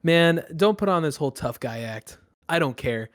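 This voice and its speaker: A man's voice: on the high side, animated, moderate pace, no echo, clean studio sound, voice pushed up, natural voice. Man doing a smug, mocking passenger. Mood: dismissive. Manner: dismissive, mocking. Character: smug entitled young male passenger.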